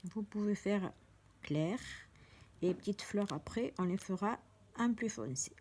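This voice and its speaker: This craft teacher walks through making a card at her table, chatting and restarting here and there. Her mid-range voice is a little mellow, a bit slow, and lively in intonation, with slight background noise.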